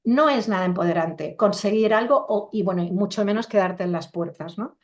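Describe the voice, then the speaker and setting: A woman's voice: medium pitch, brisk. A middle-aged woman, speaking as a coach and interview guest over a computer video call, emphatic and full of rhetorical questions. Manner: acts out quoted voices while explaining. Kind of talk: casual conversational interview.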